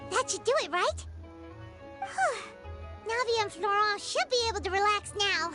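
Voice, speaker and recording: A woman voicing a tiny, excitable fairy girl companion in an anime game, squeaky and chirpy in an expressive way. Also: moderate pace. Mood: eager. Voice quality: squeaky, childlike. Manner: chirpy, expressive, refers to herself in third person. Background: loud game music.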